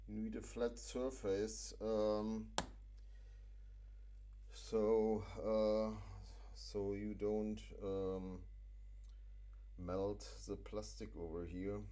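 Slow, hesitant man with dark voice. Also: fairly low pitch, little pitch movement. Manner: hesitant, many fillers. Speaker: video host. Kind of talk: casual product demo. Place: indoors at a home stove.

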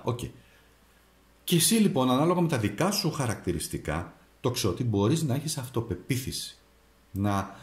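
A man gives a tarot reading, talking straight to the viewer and offering advice. His pitch swings up and down as he speaks. The room around him echoes. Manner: animated, addresses the viewer directly, gives advice. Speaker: tarot reader and astrologer.

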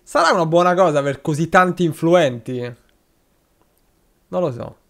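Gravelly and on the high side, his voice moves at normal speed as he plays a football manager game live. He addresses his players, banters with viewers and gives thanks to subscribers.

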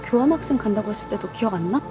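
An actress playing a frustrated young woman, a college senior, arguing with her younger boyfriend in a web drama; she speaks in a sharp, accusing way. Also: mid-range voice, animated, rapid-fire, over music, natural voice. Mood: angry, hurt. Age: young adult.

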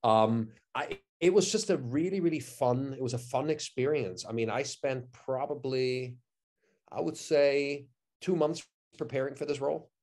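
Speaking via webcam from his living room, an enthusiastic Swiss actor, German by first language, has a mid-range, slightly mellow male voice and a moderate pace. The casual interview chat is full of repeated words and frequent "you know" and "I mean."

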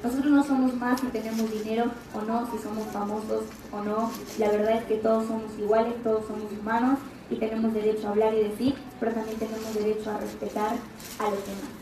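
At a fan event, a young actress talks briskly and earnestly to the audience, her fairly high voice delivered flatly with a faint Argentine accent. She encourages the crowd directly through a handheld mic, heard via a distant, echoey phone recording from among the audience, with crowd ambience and other background noise.

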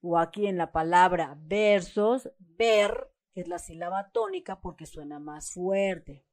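A woman's voice: fairly low pitch, lively intonation, slow, a little mellow, no echo. A woman with a Mexican Spanish accent explains a schoolbook exercise step by step, patiently stressing syllables as she reads example words. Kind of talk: step-by-step homework lesson.

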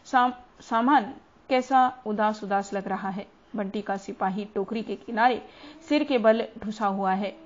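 Brief: woman audiobook reader, calm and soft, medium voice on a muffled recording. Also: mid-range voice. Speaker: audiobook narrator. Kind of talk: scripted narration of a novel. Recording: dull lo-fi recording.

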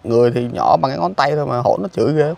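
A man's voice: mid-range voice, expressive, racing, vocal fry, a little mellow. A man, speaking outdoors at a rural cemetery and recounting events in an emphatic, indignant way. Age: 40s. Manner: emphatic and indignant, repeats himself. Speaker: interviewee, relative of the deceased. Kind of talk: casual conversational interview.

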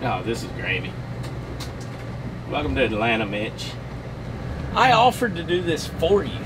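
A man driving an RV for a friend, bantering in a loud, profane, joking way. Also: medium pitch, huge pitch swings, measured pace. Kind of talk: casual banter. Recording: noisy outdoor audio.

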